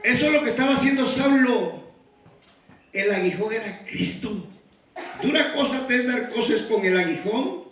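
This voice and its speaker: A male pastor preaching a sermon, moving from quiet storytelling to shouted exhortations and rhetorical questions. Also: very high-pitched, normal speed, slight background noise. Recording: very echoey church hall, preacher far from the mic.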